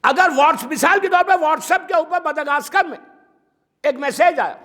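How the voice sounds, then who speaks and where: A male preacher giving a sermon, storytelling dramatically, swinging from hushed tones to shouting. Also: very high-pitched. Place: religious gathering hall in Madagascar. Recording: long hall reverb.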